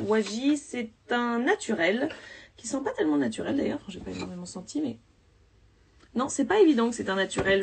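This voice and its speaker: A woman's voice: mid-range voice, gravelly, slight background noise. A woman hosting a casual podcast about coffee. She explains each step plainly, with fillers as she thinks aloud. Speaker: coffee consultant and podcast host.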